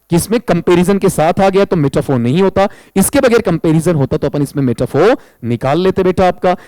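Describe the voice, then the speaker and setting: Man, teacher, higher voice, patient step-by-step explaining, dry close recording. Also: darkish tone, no room sound, rough recording. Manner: addresses students as "beta", spells sounds out one by one. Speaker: exam-prep English teacher. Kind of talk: explaining exam answers in a recorded lesson.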